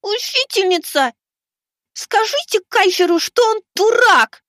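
Man playing a lisping schoolgirl, very high, wild swings in pitch, shrill and furious. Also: expressive, a little slow, no room sound, studio quality, full character voice. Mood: angry. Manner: shrill, shouting insults. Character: lisping hot-tempered schoolgirl, young, easily flustered.

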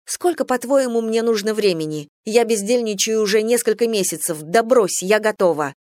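A woman's voice: medium pitch, animated, normal speed, darkish tone, no echo, studio quality, pitched above the performer's own voice, close to an everyday voice. An audiobook narrator voicing a defiant, wounded young woman soldier who insists on fighting.

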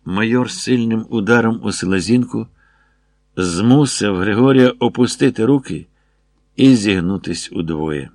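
A man narrating an audiobook in a measured, expressive reading. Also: on the low side, no room sound, clean studio sound.

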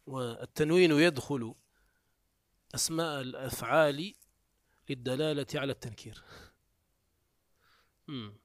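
A man's voice: medium pitch, unhurried, pauses often, dry recording. Man teaching a classical text, dry close sound. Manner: reads a line of the text, then explains it, with frequent self-corrections. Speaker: teacher of Arabic morphology. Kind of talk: classical Arabic text lesson.

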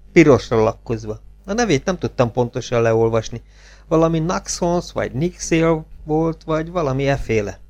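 Man, audiobook narrator, crime novel reading, voices lift in dialogue. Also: darkish tone. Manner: lifts pitch and volume for quoted characters, drops for narration.

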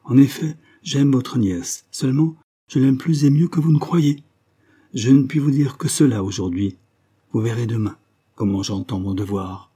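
A man's voice: mid-range voice, normal speed, dark tone, slightly rough, pitched above the performer's own voice, lightly acted. A man reading the part of an earnest, emotional young man in love.

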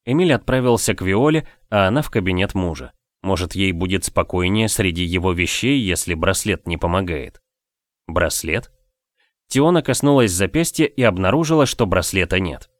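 A man narrating a fantasy audiobook with steady, expressive storytelling. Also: deep voice, normal speed, no echo, clean studio sound. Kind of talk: scripted narration.

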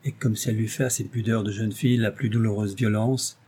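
In a husky voice on the low side, a man narrates a classic novel for an audiobook. His reading is measured and expressive.

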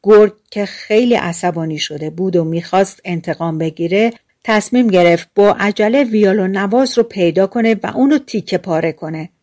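A woman reading a fairy tale aloud as an audiobook narrator, in a gentle, measured storytelling manner. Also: mid-range voice.

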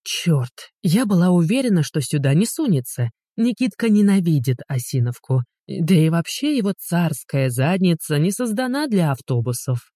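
A reader voicing a sharp-tongued, fed-up young woman who snaps and mocks, in an audiobook. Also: medium pitch, big pitch swings, normal speed, few pauses, no room sound, clean studio sound. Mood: snapping. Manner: sharp, snapping, sarcastic. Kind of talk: audiobook dialogue.

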